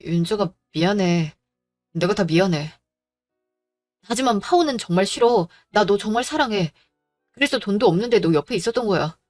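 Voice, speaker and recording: A woman voicing a gentle, earnest young man in a drama, speaking apologetically to his fiancée. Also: mid-range voice, expressive, normal speed, pauses often, soft background music, lightly acted. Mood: pleading. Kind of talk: Korean audio drama acting.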